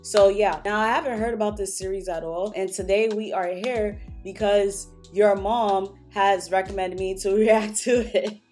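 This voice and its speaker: A young woman talks through a reaction video in a casual, slangy way. Her voice is mid-pitched and she addresses viewers directly, with music in the recording. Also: steady tone, normal speed, few pauses, darkish tone. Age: young adult. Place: small room at home, indoors.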